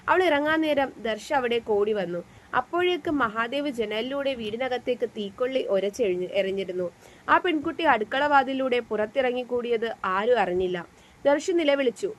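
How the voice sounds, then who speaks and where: Fairly high-voiced woman storyteller. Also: rough recording. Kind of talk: serialized story narration.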